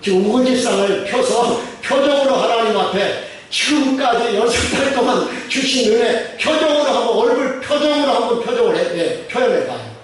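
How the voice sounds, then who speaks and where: A man's voice: very high voice, expressive, normal speed, few pauses. A middle-aged male pastor preaching a sermon, putting many questions to the congregation and repeating his phrases. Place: church sanctuary. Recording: very echoey church hall from far off.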